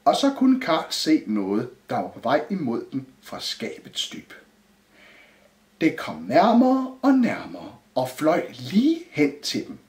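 A man reads a children's story with a swooping, sing-song lilt and a slightly raised voice. The recording sounds roomy, with a clear echo around him. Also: a little high, wildly swooping pitch, darkish tone. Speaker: narrator.

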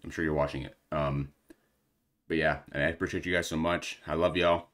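Breathless young man with a low voice. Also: fairly even intonation, normal speed, fairly bright tone. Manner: rambling, loose slangy chat with lots of fillers. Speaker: reaction video host. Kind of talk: casual reaction commentary.

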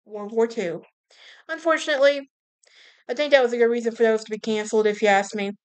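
A woman's voice: fairly high pitch, fast talker, clean tone. A woman hosting a casual history podcast, chatty, tripping over names and laughing at herself. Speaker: podcast host.

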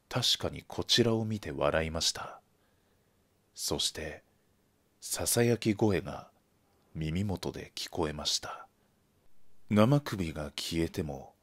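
A man narrating a scripted ghost story in a measured, hushed storytelling manner. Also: low-pitched, husky.

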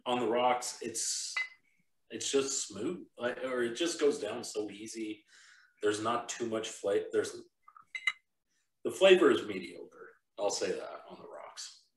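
A low-voiced man hosts a relaxed tasting chat, rambling easily with plenty of ums and uhs. He sits back from the microphone, and the room gives his voice a roomy echo. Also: slow, pauses often. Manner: laid-back, rambling with fillers. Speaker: podcast host. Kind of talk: casual chat. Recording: roomy, from a distance.

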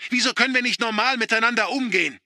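A man reading an audiobook, voicing a hurt young man who defends himself against his father and shouts back. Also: medium pitch, expressive, unhurried, breathy edge, no echo, clean studio sound, heavily acted. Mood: defiant arguing.

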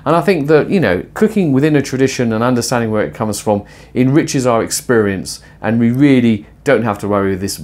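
Lively thoughtful man in a kitchen. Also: mid-range voice, fairly quick, hardly any pauses. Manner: thoughtful, lively explanatory delivery. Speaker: host. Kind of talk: presenting a cooking and philosophy film. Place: home kitchen, indoors.

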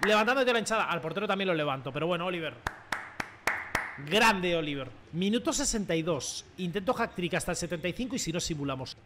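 A young man talks through his football video game as he plays, loose and slangy and quick to shout at the big moments. His voice sits high and sounds bright and edgy. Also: slight background noise. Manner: excitable, slangy, shouts at goals. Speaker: gaming youtuber. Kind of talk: live gameplay commentary.

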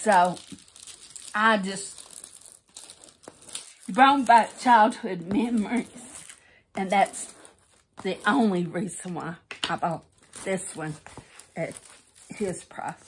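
This middle-aged crafting vlogger chats casually from a seat at home, showing a craft kit. She speaks slowly at medium pitch, rambling and correcting herself as she goes. Her phone camera, aimed down at her lap, captures a little hiss or hum.

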